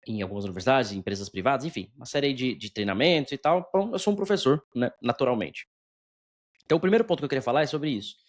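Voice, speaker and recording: A man hosting his own channel, talking to the camera in a fast, energetic, somewhat anxious way, blunt and given to swearing, with a slightly hoarse voice that keeps clearing its throat. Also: medium pitch. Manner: blunt, swears, frequent filler tags. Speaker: instructor, channel host. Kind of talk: casual solo vlog monologue.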